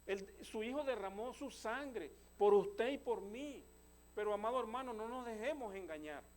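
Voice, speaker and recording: A man's voice: high-pitched, animated, moderate pace, a little mellow. A man giving an earnest church testimony to his congregation, often calling them beloved brother. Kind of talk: sermon testimony.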